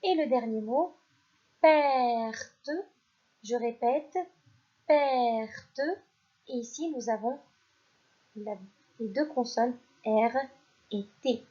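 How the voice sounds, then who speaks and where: A woman teaching a primary school phonics lesson, who reads each word out loud twice and praises the children. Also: a little high, breathy edge, lo-fi sound. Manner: slow and deliberate, repeats each word and stresses it louder; addresses pupils directly, praising them. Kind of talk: recorded French phonics lesson.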